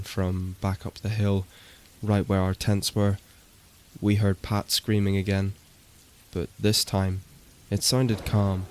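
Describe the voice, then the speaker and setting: A man reads a horror story in a very deep voice. His delivery is slow and steady. He keeps his pitch flat and unhurried throughout. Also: smooth. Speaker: narrator. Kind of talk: scripted horror narration.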